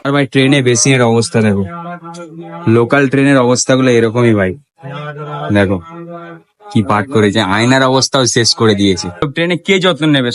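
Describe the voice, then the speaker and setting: A young man from West Bengal, chatting casually as a travel vlogger at a train station and on a train, filmed on a handheld camera and often asking "right?". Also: fairly high pitch. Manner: chatty, keeps asking "ঠিক আছে?", talks softly when alone.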